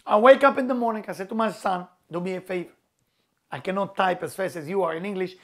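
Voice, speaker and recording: Here the spiritual teacher talks fast, his high-pitched voice gravelly and a bit bright. The middle-aged man, a native Hebrew speaker, offers earnest spiritual motivation, hammering key words through repetition in non-native phrasing.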